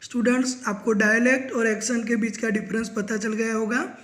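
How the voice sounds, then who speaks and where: High-voiced Indian man teaching. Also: fairly even intonation, a little fast, fairly bright tone. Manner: addresses students directly, mixing English phrases into Hindi. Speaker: spoken English teacher. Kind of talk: explanatory lesson.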